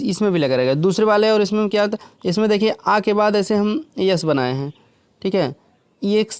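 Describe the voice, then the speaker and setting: A man's voice: high voice, darkish tone, clear, resonant tone, no echo. A man teaching English, explaining step by step and often checking that his students follow. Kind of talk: classroom lesson.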